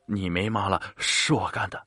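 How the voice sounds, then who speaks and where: A man's voice: sits low, fairly even intonation, normal speed, pushed and bright, slightly rough, dry recording, clean studio sound, heavily acted. A man playing a grieving father who speaks in a choked, tearful, pleading way.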